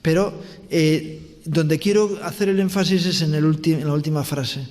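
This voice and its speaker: A man pastor with a Spanish accent preaches earnestly in a church, asking rhetorical questions and restarting his phrases as he goes. His voice sits a little high for a man. The sound rings with a long church reverb. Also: steady tone, normal speed, a little mellow. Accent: Spanish from Spain. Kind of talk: sermon. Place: church hall.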